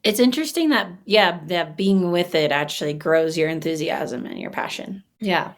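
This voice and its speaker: A woman's voice: on the low side, normal speed. A woman in a casual podcast conversation, talking reflectively, searching for words with many fillers and growing emotional. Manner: gets emotional while talking. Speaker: podcast guest.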